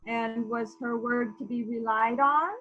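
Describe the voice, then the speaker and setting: In a murder mystery reading, a woman plays a calm, persistent police investigator, formal and measured as she probes politely. Her voice sits on the high side, and the sound is lo-fi.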